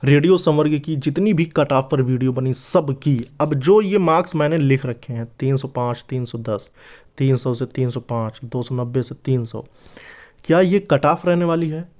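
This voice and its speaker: A man with a mid-range, darkish voice talks at a normal speed. He's a YouTube presenter of exam updates, giving viewers an informal explainer in a familiar, brotherly way and checking in with them often.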